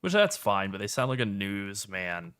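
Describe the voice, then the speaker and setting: A man streaming a video game, chatting casually with dry, relaxed jokes. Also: lowish voice, normal speed, clear, resonant tone, no echo. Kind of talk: casual gameplay commentary.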